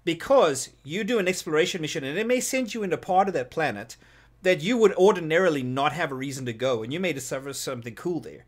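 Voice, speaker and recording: A man co-hosts a casual gaming panel discussion, frequently repeating and restarting phrases as he talks. His voice is a little high, with lively intonation and a quick pace.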